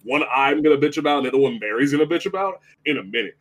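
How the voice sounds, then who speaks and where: Casting note: male podcast co-host, mid-pitched, loose and rambly, full of "like" and restarts. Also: rapid-fire. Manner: rambling, many fillers and restarts, animated asides. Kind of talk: casual chat.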